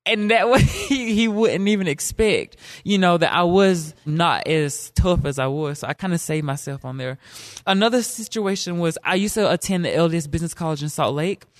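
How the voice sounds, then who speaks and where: A man's voice: on the high side, moderate pace, no room sound. A young man from South Carolina, telling a personal story in a casual, joking way and acting out quotes. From South Carolina, USA. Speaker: storyteller guest.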